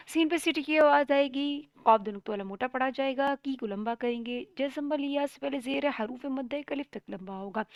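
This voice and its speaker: A woman from Pakistan giving a Quran tajweed lesson, reciting each word slowly and drawn out before explaining the rules step by step. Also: on the high side, vocal fry, dry recording. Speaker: Quran teacher. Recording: dull lo-fi recording.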